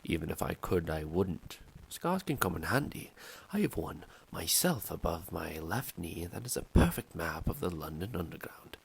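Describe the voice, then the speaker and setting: Elderly wise headmaster, unhurried, dry humour, low voice, read by a man. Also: big pitch swings, gravelly, slightly rough, heavily acted. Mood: calm.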